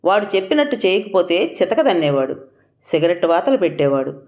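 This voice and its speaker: A woman narrating an audio story in an expressive, measured way. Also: fairly low pitch.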